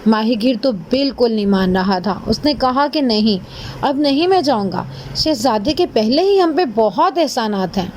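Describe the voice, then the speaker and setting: High-voiced woman telling a storybook tale. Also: lively intonation, hardly any pauses, a little mellow, a little hiss or hum. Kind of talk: storybook narration for children.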